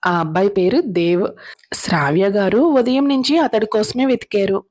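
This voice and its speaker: A woman narrating a serialized drama story in a steady, dramatic reading style. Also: medium pitch, moderate pace, no room sound, clean studio sound.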